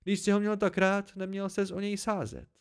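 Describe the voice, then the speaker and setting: A man's voice: high voice, clear, resonant tone, pitched above the performer's own voice. A man voicing a solemn, stubborn, unsmiling boy in an amateur storybook reading. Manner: flat, unsmiling.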